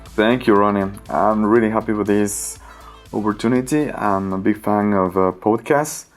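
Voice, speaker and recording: A man's voice: fairly low pitch, normal speed, soft background music. A man in his thirties from Ecuador, speaking English with an Ecuadorian Spanish accent as a podcast guest, hesitant and full of fillers. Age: 30s. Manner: hesitant, many fillers, searching for words. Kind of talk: podcast interview.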